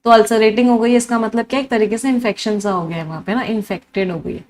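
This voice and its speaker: A woman's voice: a little high, quick pace, a little hiss or hum. A woman teaching English vocabulary in a live online class, mixing Hindi and English, listing synonyms one after another and asking her students questions. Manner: lively teacher who lists many synonyms and quizzes her students.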